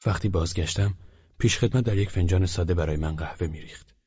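Man, audiobook narration, calm measured reading, husky voice, muffled sound. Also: deep voice.

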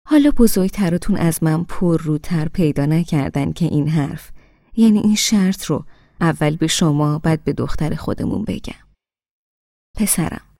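Storybook granny, old and gentle, a touch higher and louder than the reader's own low, gravelly, mellow voice, dry sound, read by a woman. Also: dry recording. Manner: hesitant, stops and restarts. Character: sweet-talking elderly grandmother, gentle and hesitant.

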